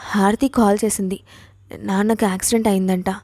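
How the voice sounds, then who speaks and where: A woman voicing a gentle, troubled young college girl in an audio story, answering in soft, worried replies. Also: medium pitch, flat delivery, fairly quick, dry recording, close to an everyday voice. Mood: distressed.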